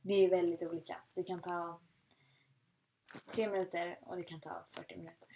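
A young woman in a casual chat, blunt and playful, speaking in an animated way. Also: lowish voice, slight background noise, poor audio.

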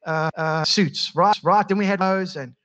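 A man from South Africa with a South African accent preaching a sermon as pastor, halting and often repeating his words. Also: high-pitched, a bit bright. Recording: dull lo-fi sound.

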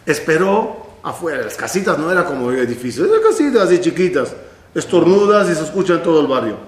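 Animated man telling a Torah lesson. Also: a little high, fairly quick, echoey room. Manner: animated, acts out voices in stories. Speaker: rabbi teaching.

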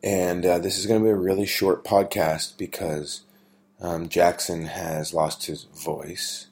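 A man with a very low voice hosts a casual chat podcast. He talks in an easygoing, teasing way, often pausing on ums and starting sentences over. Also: level tone, a little mellow. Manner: teasing, easygoing, halting with fillers and restarts. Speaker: podcast host and father.

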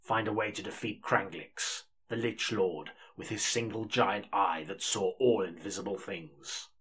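Polite and a touch hesitant, this British comedy audiobook narrator has a low, husky voice that is a bit bright, and he reads a little slowly. His solemn delivery suits someone who handles high fantasy with care.

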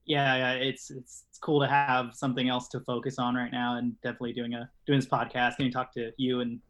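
A man's voice: medium pitch, monotone, fairly quick, a bit bright. A man in his thirties from California, chatting casually as a podcast guest in a laid-back, hesitant way. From California, United States. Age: 30s. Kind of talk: casual chat. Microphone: online video call at home.

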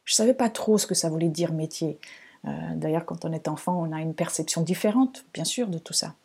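A Portuguese woman with a Portuguese accent speaks French as a second language, hosting a podcast as an astrologer. Her monologue is reflective and measured, with pauses between phrases, in a low, darkish, slightly rough voice.

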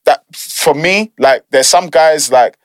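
A man's voice: on the high side, slow pace, dry recording. A man with a London accent in a casual discussion, speaking earnestly like a pastor giving friendly advice, with British slang.

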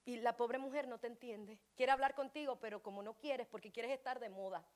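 A woman preaching a fervent sermon at a church service. She swings from shouting to hushed pleading and breaks into speaking in tongues. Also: a little high, a little fast. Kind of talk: Pentecostal sermon.

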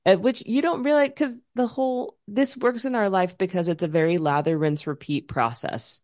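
A woman's voice: medium pitch, normal speed, a little mellow. A woman co-hosting a podcast, chatting casually and rambling with restarts about her teaching semester. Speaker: podcast co-host; music teacher at a university. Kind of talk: casual chat.

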